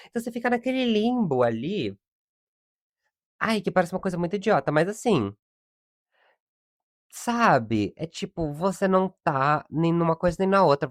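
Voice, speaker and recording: A man's voice: fairly high pitch, dry recording, clean studio sound. A young man hosts a solo podcast, ranting in exasperation about everyday annoyances and laughing often. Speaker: podcast host. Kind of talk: casual solo podcast monologue.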